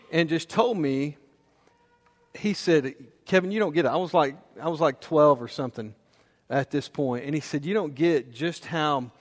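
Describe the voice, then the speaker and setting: A man preaching a sermon in a relaxed, conversational way, often restarting his sentences. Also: fairly high pitch. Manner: conversational, with fillers and repeated restarts. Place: church auditorium. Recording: long hall reverb.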